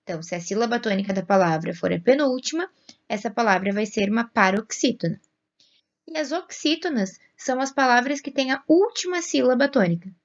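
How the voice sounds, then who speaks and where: A woman's voice: on the high side, lively intonation, fairly quick, highs cut off. A woman teacher with a Brazilian Portuguese accent, patiently explaining a grammar lesson and stretching out example words. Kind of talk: classroom explanation.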